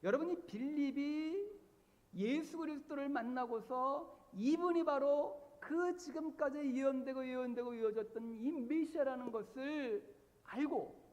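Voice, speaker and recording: A man's voice: very high-pitched, a little slow, darkish tone. A man preaching a sermon as pastor, emphatic and repeating key words for stress. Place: church sanctuary. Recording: long church-hall reverb.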